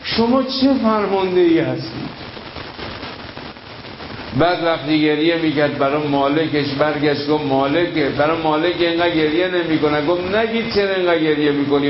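A fairly high-voiced man preaches with feeling, slowing down for weight and then surging up as the story builds. The sound is echoey and a bit dull, as if from a hall with a lo-fi recording and faint hiss behind him. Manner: emotional storytelling with dramatic pauses and sudden rises. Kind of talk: sermon.

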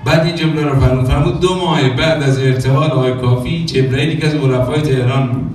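A man with a mid-range voice delivers an animated religious sermon full of stories, acting out quoted lines and breaking into song here and there. He's captured from far off in an echoey hall, with slight background noise.

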